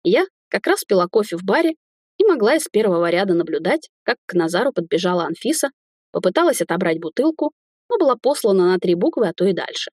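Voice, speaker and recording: A woman narrating a novel in a steady, expressive reading voice. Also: mid-range voice, fast talker, dry recording, studio quality. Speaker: audiobook narrator. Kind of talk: scripted narration.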